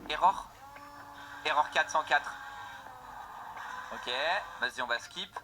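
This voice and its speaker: A young man giving casual, excitable gameplay commentary, joking with his viewers. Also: on the high side, slow pace, over music. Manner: excitable, jokey, addresses viewers as "les gars". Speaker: gaming video creator.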